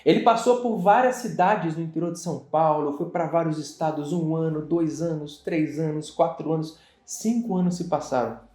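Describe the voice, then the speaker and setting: Animated Brazilian man in an echoey room. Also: on the high side, normal speed, few pauses. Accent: Brazilian Portuguese. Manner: animated, dramatic retelling that acts out other people's lines. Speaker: interview guest, business owner. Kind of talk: motivational storytelling in an interview. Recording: echoey room with faint music.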